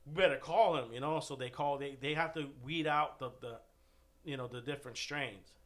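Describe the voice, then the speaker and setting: A man's voice: mid-range voice, steady tone, moderate pace, a bit bright. A man chatting casually on a podcast, telling a long, rambling story and saying "dude" a lot, while still recovering from an illness. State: recovering from covid, still short of breath. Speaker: guest.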